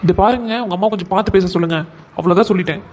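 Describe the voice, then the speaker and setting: A woman's voice: fairly low pitch, very fast, a little mellow, lightly acted. Woman voicing an aggrieved young cartoon wife. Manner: complaining, aggrieved, protests her innocence. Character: hurt young wife, new daughter-in-law. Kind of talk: cartoon voice acting.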